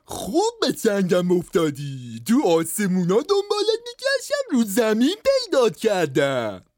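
A woman voicing a cheeky, boastful young trickster hero with a teasing, lively voice. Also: medium pitch, no room sound, soft background music. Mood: boasting.

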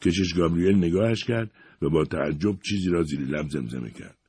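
A man narrating a story as a scripted audiobook reading, at a steady, even pace. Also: low-pitched, slightly rough, no room sound.

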